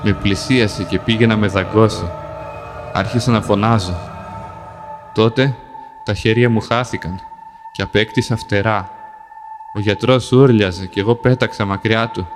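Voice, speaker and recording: A man reading a dark first-person fantasy tale in a calm, measured way, in short plain sentences. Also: fairly low pitch. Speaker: storyteller. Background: music.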